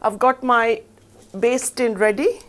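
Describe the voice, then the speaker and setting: A woman's voice: on the high side, steady tone, slow pace, slight background noise. A middle-aged woman hosting a cooking show, explaining each step in a chatty, upbeat way as she works in a studio kitchen. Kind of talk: cooking demonstration. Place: studio kitchen set, indoors.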